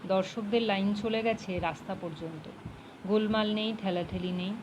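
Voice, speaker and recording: A woman narrating an audiobook in a steady, measured reading voice. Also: medium pitch, background noise. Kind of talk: storybook narration.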